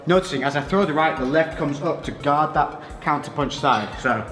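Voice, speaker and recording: Male boxing coach, slightly high voice, informal step-by-step workout instruction, reverberant space. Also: moderate pace. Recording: echoey reverberant room with music.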